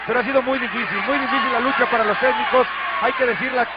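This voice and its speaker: Male wrestling commentator, Mexican accent, excited play-by-play, strikingly high voice, lo-fi TV sound. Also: fast. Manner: excited, repeats words emphatically. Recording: dull lo-fi TV audio, very noisy arena. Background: loud arena noise.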